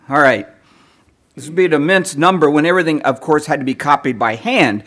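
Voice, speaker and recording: A man giving a teaching sermon, lecturing in a measured way, clearing his throat often as he is losing his voice. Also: on the high side, fairly bright tone. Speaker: preacher.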